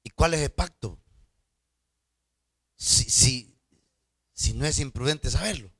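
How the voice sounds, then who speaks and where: A middle-aged man preaching a storytelling sermon as a pastor, swinging from loud outbursts to hushed asides and stammering repetitions. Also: mid-range voice, slow, gravelly, husky, no echo, studio quality. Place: church.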